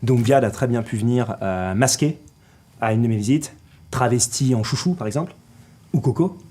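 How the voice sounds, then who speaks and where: A man's voice: mid-range voice, normal speed, warm tone, breathy edge. A man playing a real-estate agent character as a guest in a comedy sketch, earnest and rambling. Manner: earnest, mock-serious and rambling. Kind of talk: mock interview comedy sketch.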